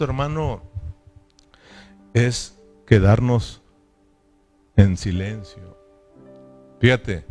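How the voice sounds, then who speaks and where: A man's voice: on the low side, warm tone. A man preaching a sermon as pastor, emphatic and often asking his listeners for agreement. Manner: emphatic preaching with repeated call-and-response questions.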